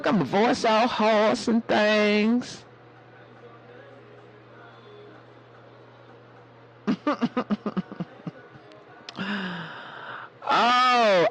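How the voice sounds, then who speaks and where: A man playing a sassy, preachy elder woman who calls her listeners baby and honey, his voice hoarse. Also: high voice, fairly bright tone, full character voice, rough recording. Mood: fond. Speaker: live-stream host. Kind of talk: preachy casual live-stream talk.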